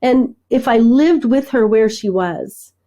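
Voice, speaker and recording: A middle-aged woman talking as a podcast guest, telling animated stories, acting out bits of dialogue and often checking in with "right?". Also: a little high, slow pace, highs cut off. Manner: animated storyteller, acts out dialogue, frequent "right?". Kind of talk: conversational interview.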